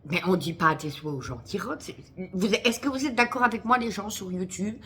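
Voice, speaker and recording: A woman's voice: mid-range voice, lively intonation, fast talker, sharp tone. A woman vlogging in casual chat to camera, chatty and swearing freely, talking through a headset.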